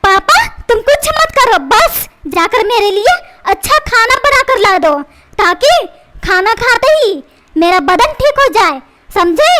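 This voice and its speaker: A woman's voice: extremely high pitch, big pitch swings, slow pace, bright, forceful tone, a little hiss or hum, full character voice. A woman voicing a cheeky, scheming young boy who fakes being sick to skip school, talking in a whiny, pleading way. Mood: bossy.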